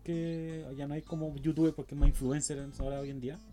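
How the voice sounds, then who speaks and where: A young Chilean man talks quickly in a fairly high voice, laying out his ideas at length in loose, slangy chat. Faint music plays behind him. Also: level tone, mellow. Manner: explains at length, peppered with slang. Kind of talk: casual chat.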